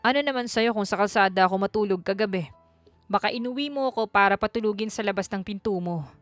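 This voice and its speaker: A woman's voice: mid-range voice, fast, no room sound, soft background music, lightly acted. A woman voicing a hungover, grumpy rich young man who speaks curtly and coldly in a storybook reading. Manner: curt, cold and commanding.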